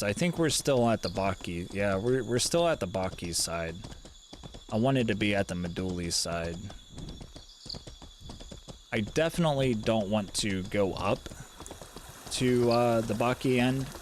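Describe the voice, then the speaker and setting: Chill guy streaming a game, kinda low voice, rambles along and swears, faint game noise behind. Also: expressive, measured pace. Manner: laid-back, rambling, swears casually. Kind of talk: casual live-stream commentary.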